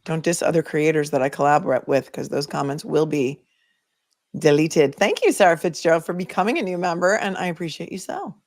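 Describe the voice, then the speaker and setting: A woman with a Boston accent hosts a legal livestream, chatting casually and opinionatedly as she thinks aloud through viewer comments. Her voice sits low and sounds a little mellow, with expressive delivery at a fairly quick pace.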